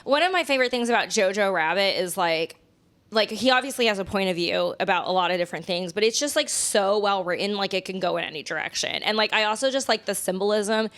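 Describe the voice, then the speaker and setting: A young woman hosting a podcast and chatting casually with her guest. She talks loosely with plenty of fillers, laughs often, and sits at a middle pitch for a woman. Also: quick pace, fairly bright tone. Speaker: podcast host. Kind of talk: casual chat.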